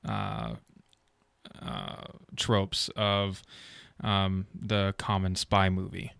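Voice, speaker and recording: A man's voice: deep voice, sing-song, very slow, gravelly, fairly bright tone, clear, resonant tone, dry recording. A man hosting a casual film chat, rambling with lots of fillers and swearing when he gets worked up.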